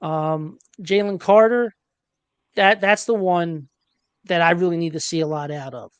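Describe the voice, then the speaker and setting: A man hosting a casual sports podcast, chatty and hesitant, filling pauses with ums and uhs. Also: a little high, clear, resonant tone, no room sound, lo-fi sound. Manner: chatty, hesitant with many fillers. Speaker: podcast host.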